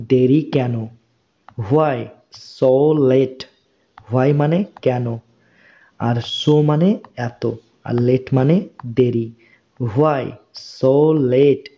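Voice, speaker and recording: A man teaching spoken English as a lesson, slowly repeating each phrase and explaining it word by word. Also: medium pitch, mellow. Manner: slow, deliberate repetition of phrases with word-by-word explanation. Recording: dull, lo-fi recording.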